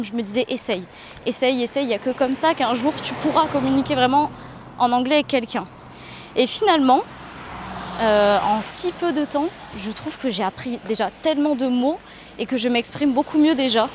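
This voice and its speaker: A woman's voice: on the high side, background noise. A French woman in her twenties, vlogging while walking outdoors and talking candidly and reflectively, with many hesitations. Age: 20s. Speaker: travel vlogger. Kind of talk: casual confiding vlog.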